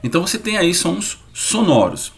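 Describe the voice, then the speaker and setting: A man teaching an online lesson, lively and repeating sounds slowly to demonstrate them. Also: high voice, gravelly.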